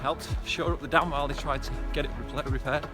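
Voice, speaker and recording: A fast-talking man with a slightly high, steady voice chats casually to viewers while running outdoors, his tone conversational and encouraging in vlog style. He's a running vlogger out on a hillside trail by some reservoirs, with music playing over him.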